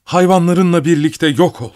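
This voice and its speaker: A man's voice: a little high, moderate pace, a little mellow, voice pushed up, lightly acted. A man voicing a poor mother pleading with her cold brother, crying out in despair. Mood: anguished. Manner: desperate, crying out.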